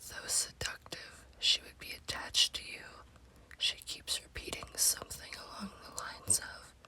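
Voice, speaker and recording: A woman hosts a spooky ASMR story series, whispering in a breathy, hushed voice. Her delivery is slow and deliberate.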